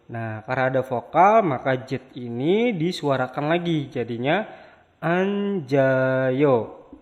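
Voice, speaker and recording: A man teaching Korean reading step by step, slowly repeating each example word. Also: mid-range voice, long reverb tail, highs cut off. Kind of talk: step-by-step language lesson.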